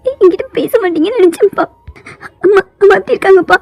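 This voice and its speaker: Sobbing young girl voiced by a woman, stammering, pleading, audio story, high and dark-toned. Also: quick pace, dry recording. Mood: tearful. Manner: stammering through sobs. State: crying. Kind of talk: fan fiction voiceover.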